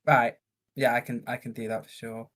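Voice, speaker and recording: A man's voice: mid-range voice, little pitch movement, a little fast, background noise. A man working as a video editor, chatting casually in short, agreeable replies. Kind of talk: casual chat.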